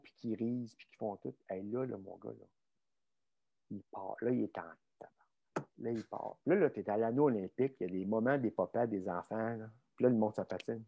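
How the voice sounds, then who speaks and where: A man with a Québécois French accent telling a story casually as a guest, animated and full of filler words. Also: mid-range voice, creaky, slightly rough, no room sound. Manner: animated, fills talk with "là" and mild swearing.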